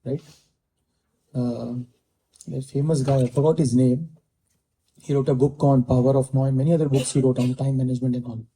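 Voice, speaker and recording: A spiritual teacher with an Indian English accent leads a scripture class, repeating key phrases and drifting into Hindi. His mid-range voice is level and dark, a little fast but broken by long pauses, on a low-quality recording.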